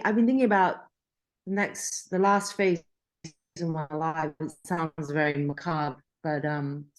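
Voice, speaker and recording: This middle-aged Australian journalist speaks in a lowish register, and the audio quality is poor. Her interview talk is relaxed and chatty, full of restarts and bursts of laughter.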